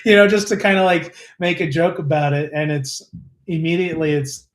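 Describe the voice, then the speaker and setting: A man's voice: a little high, brisk. Earnest, rambling man with a roomy echo. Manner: rambling, earnest storytelling with many fillers and restarts. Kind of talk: casual live-stream chat.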